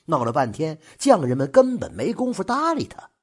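A man narrating a folk tale in an animated storytelling manner, stretching the ends of phrases. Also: fairly high pitch, breathy edge. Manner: animated, drawn-out particles.

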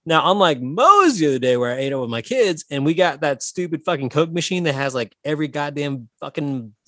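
Man with a dry, slightly high voice. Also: animated, brisk, a bit bright, no echo. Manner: loose storytelling, swears freely. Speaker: podcast co-host and improv comedian. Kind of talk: casual podcast chat.

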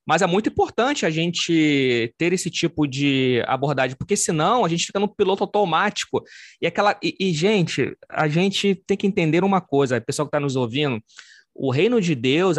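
Man, Brazilian Portuguese accent, podcast host, explanatory, fairly high pitch, dry sound. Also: lively intonation, moderate pace, no room sound. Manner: explains with everyday examples, addresses listeners. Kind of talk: casual podcast conversation.

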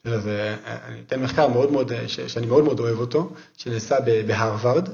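A man's voice: creaky, echoey room, lo-fi sound. A man as a podcast guest giving parenting advice through vivid, emphatic anecdotes. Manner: animated storyteller, emphatic, lively pitch swings.

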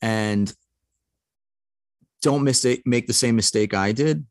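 A man's voice: mid-range voice, takes it slowly, no room sound, clean studio sound. A middle-aged man sharing a heartfelt personal story as a podcast guest, earnest and emotional, laughing often.

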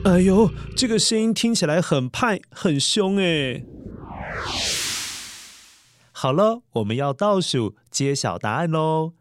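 A man's voice: fairly high pitch, expressive, takes it slowly, long pauses. A man hosting a children's story show, narrating playfully and often putting questions to the young listener.

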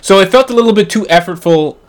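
A man co-hosting a casual movie-review chat, animated and sarcastic, often laughing and stumbling over his words. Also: high voice, fast. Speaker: podcast co-host.

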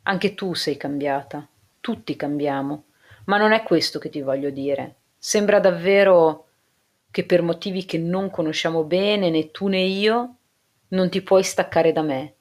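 A woman's voice: lowish voice, unhurried, lightly acted. A woman reading the part of a troubled man speaking earnestly to his partner in an audiobook. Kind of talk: audiobook dialogue.

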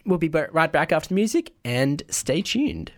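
A man co-hosting a radio show in casual chat, often halting and searching for words. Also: fairly high pitch, sing-song, very noisy. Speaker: radio co-host.

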